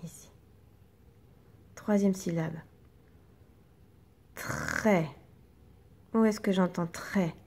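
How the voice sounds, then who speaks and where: A woman teacher, slowly and patiently guiding young children through reading exercises and sounding out each syllable. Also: medium pitch, fairly even intonation, mellow, breathy edge.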